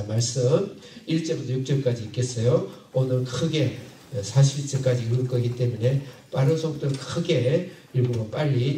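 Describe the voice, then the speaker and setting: Korean pastor preaching in an echoey hall. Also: male voice, mid-range voice, warm tone, distant mic, slight background noise. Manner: halting, repeats phrases, asks the congregation questions. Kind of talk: sermon with Bible reading.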